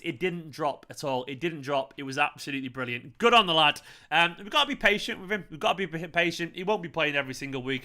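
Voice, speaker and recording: Male football fan host, Manchester accent, higher-pitched forceful voice, emphatic reaction delivery with repeated phrases. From Manchester, England. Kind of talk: excited match reaction to camera.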